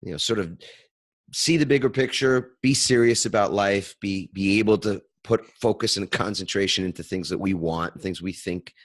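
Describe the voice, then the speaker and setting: A man's voice: fairly low pitch, normal speed. A man hosting an interview podcast, speaking reflectively and thinking aloud, often restarting his sentences as he searches for words. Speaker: podcast host. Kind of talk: conversational interview.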